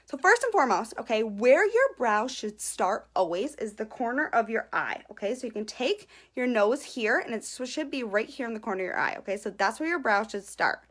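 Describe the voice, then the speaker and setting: A young woman talks her viewers through an eyebrow tutorial on a live stream, close to her webcam. Her voice sits a little high and swings widely up and down as she chats. She sounds giggly and self-conscious, checking in with "okay?" after almost every point. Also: big pitch swings, a little fast, few pauses, a bit bright. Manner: chatty, peppered with "okay?", greets viewers. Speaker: beauty vlogger.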